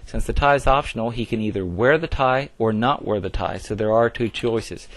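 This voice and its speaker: A man's voice: medium pitch, moderate pace. A man teaching a recorded math lesson, explaining step by step in a plain way with frequent fillers and restarts. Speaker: math instructor.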